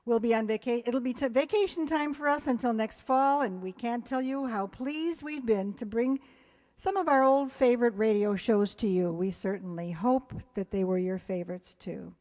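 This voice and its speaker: Before a live audience, a woman speaking for a community players' group gives informal closing announcements and thanks. Her voice is a little high with a darkish tone, at a moderate pace, and she sounds chatty, unscripted and rambling.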